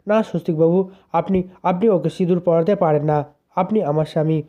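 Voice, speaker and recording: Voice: mid-range voice, fairly even intonation, brisk, lo-fi sound, natural voice. A narrator reading the lines of a distraught young wife who pleads with her husband, repeating herself. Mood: pleading.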